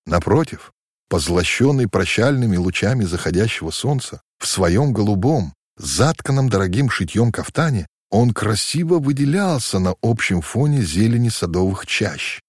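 A male narrator reads a story aloud in a lowish voice with a very lively, expressive delivery. The recording is close and dry. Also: normal speed, slightly rough, no room sound. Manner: expressive reading.

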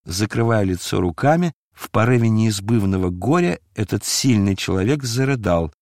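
A man reading a literary audiobook as narrator, in a measured, solemn way. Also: fairly low pitch, expressive, a little mellow, no echo, clean studio sound.

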